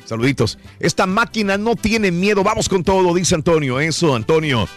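Lively male radio host with music behind. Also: sits high. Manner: lively, jokey, rapid shout-outs. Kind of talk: casual chat reading listener messages.

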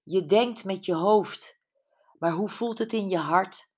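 A woman voicing Jules, a caring friend who probes gently and a bit knowingly, in an audiobook. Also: medium pitch, slow pace, voice pushed up. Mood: probing. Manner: gentle but probing, a little know-it-all. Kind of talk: audiobook character voice.

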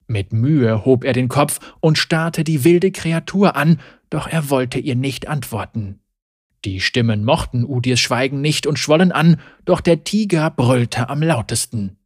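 A man narrating a scripted fantasy story in a measured, grave storytelling manner. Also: mid-range voice, breathy edge, dry recording, studio quality.

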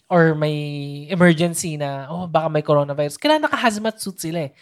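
A woman's voice: deep voice, animated, a little fast. A woman in casual conversation, chatty and thinking aloud, mixing English into her sentences. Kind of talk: casual chat.

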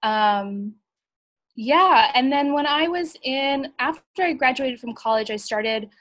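A woman's voice: high-pitched, animated, takes it slowly, fairly bright tone. A woman from Bulgaria, a writer and coach, talking as a podcast guest in a thoughtful, hesitant way with many fillers. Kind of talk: casual interview.

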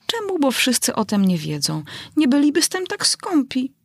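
Lady reading as a well-mannered little girl, higher and breathy, musing and earnest, audiobook voice. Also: huge pitch swings, moderate pace, no room sound, studio quality, heavily acted. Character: polite curious young girl. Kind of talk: audiobook character voice.

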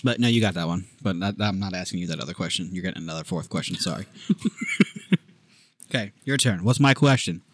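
A man co-hosting a podcast, bantering casually through a horror trivia game, cursing and mocking himself with loud laughter. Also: low-pitched, fast talker, husky, dry recording. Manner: swearing, self-mocking, laughs loudly. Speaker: podcast co-host.

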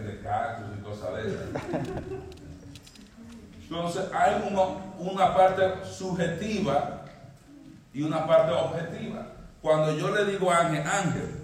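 A male pastor preaching a sermon, swinging from emphatic high peaks down to low quiet lines. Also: background noise. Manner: preaching, rising emphatically, then dropping low. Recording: echoey hall, mic at a distance.

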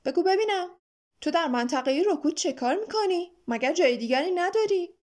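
A woman voicing a stern, impatient male watchdog with a ticking clock for a body, talking in a brisk, scolding way. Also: sits high, lively intonation, a little mellow.

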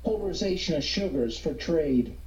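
A man calling in as a guest over a speakerphone, answering questions in a hesitant, halting way with many fillers. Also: a little high, lively intonation, a little mellow. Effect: speakerphone call. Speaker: phone-in guest, paranormal investigator and author. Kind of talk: casual interview answers. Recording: muffled echoey speakerphone line.

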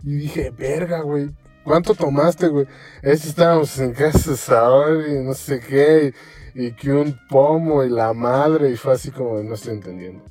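Mexican man telling a wild story, mellow voice. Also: mid-range voice, normal speed, faint music behind. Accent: Mexican Spanish. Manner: animated, acts out quotes, heavy slang. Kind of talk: casual storytelling.

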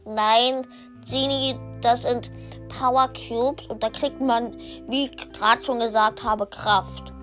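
A woman's voice: a little high, slow pace. A woman voicing a cheeky, bossy toddler who explains things to the others. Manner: bossy, excitable. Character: cheeky know-it-all toddler. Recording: faint music behind the voice.

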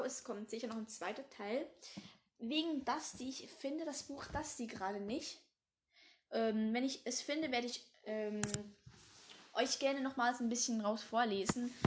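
A teenage girl with a high voice reads a novel aloud, taking her time. Now and then she stumbles over a word and restarts to correct it, and between passages she rambles casually to her listeners.

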